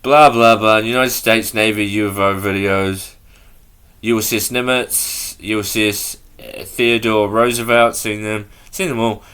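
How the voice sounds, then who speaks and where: A man hosting a podcast speaks slowly in a fairly low voice with a bright, forward edge to it. He reads aloud from notes in a halting, offhand way and trips over unfamiliar words. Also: fairly even intonation, clear, resonant tone. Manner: halting, stumbles over words while reading; offhand and loose. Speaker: podcast host. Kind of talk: casual talk, reading aloud from notes.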